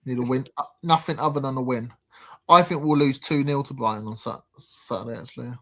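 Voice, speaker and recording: A man's voice: medium pitch, brisk. Chatty man hosting a football livestream. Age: 30s. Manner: reads chat comments aloud, hesitant with many ums. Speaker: livestream host. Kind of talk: casual livestream chat.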